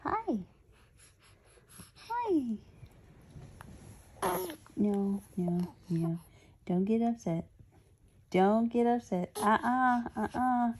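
A young woman, a new mother, talking baby talk to her infant in a soft cooing voice that often drops to a whisper. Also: mid-range voice, fairly even intonation, slow, a little hiss or hum.

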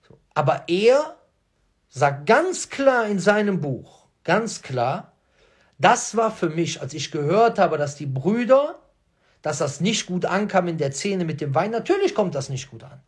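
A man with a high, husky voice and a lively, swooping pitch speaks straight to his viewers as the host of his own channel. He argues insistently, firing off rhetorical questions and hammering home his points by repeating them. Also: unhurried. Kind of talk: emphatic monologue addressing viewers.

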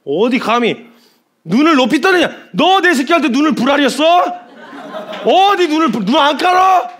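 A man's voice: medium pitch, lively intonation, fairly quick, slight background noise, close to an everyday voice. A preacher acting as a furious threatening father God. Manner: shouting threats, mocking, rough slang.

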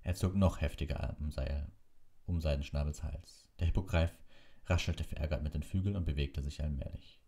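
A man narrating an audiobook in a steady storytelling manner. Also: very deep voice, moderate pace.

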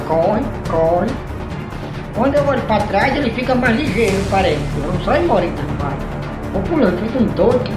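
Brief: man, gaming host, high lively voice, echoey room with game music under. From Brazil. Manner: excitable, exclamatory, talks himself through the game. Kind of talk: horror game let's play commentary.

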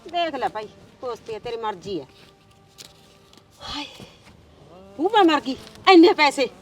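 A woman's voice: a little high, big pitch swings, a little slow, breathy edge, faint music behind, full character voice. A woman playing a nagging, scheming village aunt. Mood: wheedling. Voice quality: loud, nagging, coaxing. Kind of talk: village drama acting.

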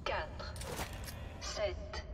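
A stern female security system voice gives flat, clipped alarm readouts over a facility loudspeaker in a video game. The delivery is very slow, and the voice sounds far off, with a long echo trailing behind it. Loud music plays underneath. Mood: stern alert. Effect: facility loudspeaker announcement.

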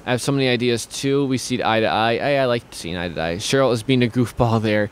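A young man hosts a casual talk stream from his small home studio, speaking through a studio mic with headphones in a mid-range voice at a quick pace. He rambles and restarts often while reading viewer comments, and the recording carries a little hiss or hum. The chat has a relaxed video-call feel.

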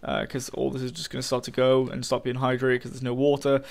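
A man's voice: medium pitch, monotone, fairly quick, gravelly, a little mellow. A young man giving casual, frustrated commentary while playing a game, swearing often and talking to his viewers. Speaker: gaming channel host.

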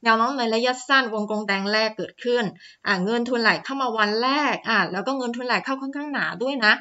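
In a screen-share walkthrough, a female teacher explains stock charts in a chatty voice-over packed with fillers and polite particles. She talks fast in a bright, forceful, somewhat high voice, and the recording is muffled.

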